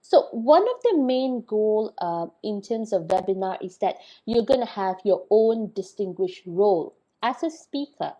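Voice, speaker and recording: A hoarse woman lecturer with a Malaysian English accent, giving a recorded online lecture and checking in often with "all right" and "okay". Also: medium pitch, warm tone. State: hoarse, recovering. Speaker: university lecturer.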